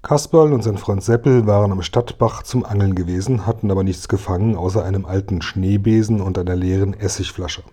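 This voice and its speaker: A man reads a children's story aloud with lively, clear storytelling. His voice is mellow and a little husky. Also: low-pitched, fairly quick, hardly any pauses. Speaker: audiobook reader. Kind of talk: storybook narration.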